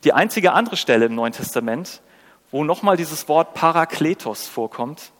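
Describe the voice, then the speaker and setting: A man's voice: fairly high pitch, animated, normal speed. A man preaching a sermon, engaging and conversational, often asking the listeners questions and acting out quoted lines. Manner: engaging, asks rhetorical questions, acts out quotes. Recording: long reverb of a hall.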